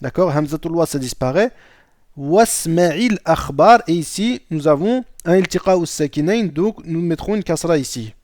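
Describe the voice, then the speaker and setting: A man's voice: on the high side, expressive, fairly quick, few pauses, warm tone, no echo, studio quality. A man teaching an Arabic lesson in French, reading out example phrases and repeating them patiently, often checking understanding. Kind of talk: grammar lesson explaining Arabic pronunciation in French.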